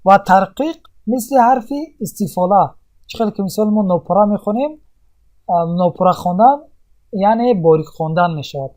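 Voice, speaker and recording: Male recitation teacher, high mellow voice, patient and repetitive. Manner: patient, repetitive teaching with many pauses and fillers. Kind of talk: explaining tajweed rules in a lesson.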